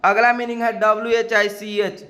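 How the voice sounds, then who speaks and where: A man with an Indian accent teaching English vocabulary in Hindi, spelling each word letter by letter and repeating it slowly. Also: high voice, flat delivery, pushed and bright. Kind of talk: spoken English lesson.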